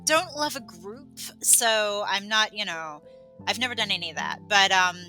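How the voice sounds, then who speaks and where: A woman's voice: mid-range voice, normal speed, sharp tone, soft background music, poor audio. A woman from England, raised in Australia, chatting as a podcast guest in a rambling, self-deprecating way with lots of fillers and restarts. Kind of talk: casual conversational interview.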